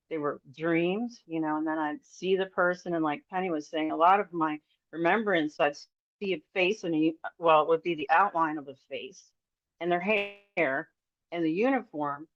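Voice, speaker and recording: A woman's voice: low voice, dry recording. A woman guest in a podcast roundtable, giving a rambling personal testimony full of fillers and nervous laughter. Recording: dull lo-fi audio.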